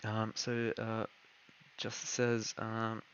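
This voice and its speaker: A man's voice: fairly low pitch, completely flat delivery, slow pace, a bit bright, dull audio, a little hiss or hum. A man hosting a live online Q&A who is losing his voice and talks with many hesitations and fillers. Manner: hesitant, heavy on fillers and "kind of". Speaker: crypto project host answering community questions.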